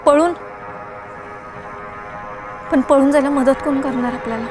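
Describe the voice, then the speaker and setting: A woman's voice: sits high, a little slow, music in the background. An actress playing Sheetal, a young woman who pleads and defends herself to her partner.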